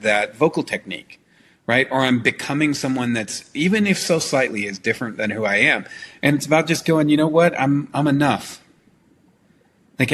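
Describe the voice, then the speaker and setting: A middle-aged man, a trial consultant and longtime actor, answering interview questions in an animated coaching tone and often checking in with "right?". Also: mid-range voice, a little hiss or hum.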